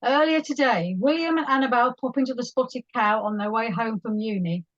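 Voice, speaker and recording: A woman's voice: fairly high pitch, brisk. Matter-of-fact woman narrator, lo-fi. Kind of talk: scripted narration. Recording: dull lo-fi recording.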